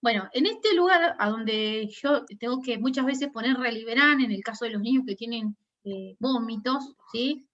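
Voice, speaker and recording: A woman's voice: a little high, moderate pace, few pauses, a bit bright. Rioplatense woman teaching, dull call audio. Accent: Rioplatense Spanish. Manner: explanatory, checks understanding with frequent tag questions. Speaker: nursing instructor. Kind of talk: online class lecture.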